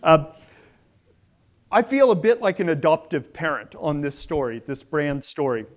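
Speaking as a guest at a public lecture, a middle-aged man keeps a conversational, unhurried delivery with big pitch swings in a rather high voice. The setting is a large indoor hall, where he uses a lectern mic and later a clip-on mic as he roams.

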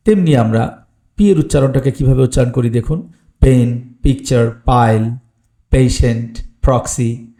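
A man's voice: mid-range voice, vocal fry, mellow. A man teaching English pronunciation in an online lesson, explaining plainly with frequent "ah" fillers. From Bangladesh or West Bengal.

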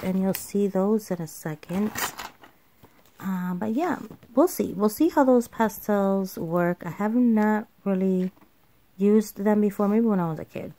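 A woman's voice: medium pitch, mellow. A woman doing a casual voiceover for her craft haul video, tired, rambling and correcting herself as she goes. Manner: rambling, self-correcting, with fillers. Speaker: craft vlogger. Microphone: home voiceover microphone.

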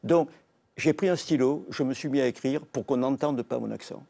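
A man's voice: mid-range voice, normal speed, vocal fry, dark tone. An older man with a southern French accent from Marseille, a novelist guest telling stories earnestly on a TV book show. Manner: storytelling, earnest, quotes and repeats phrases. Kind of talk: televised literary talk. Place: TV studio.

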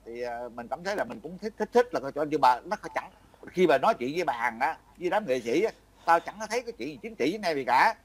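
A man's voice: a little high, big pitch swings, fast talker. An older man from Vietnam, chatting casually as an interviewee, rambling and breaking off with frequent laughs. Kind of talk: casual chat.

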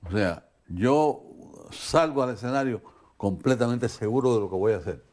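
An older man answering interview questions in a relaxed way and telling short anecdotes. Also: mid-range voice, normal speed.

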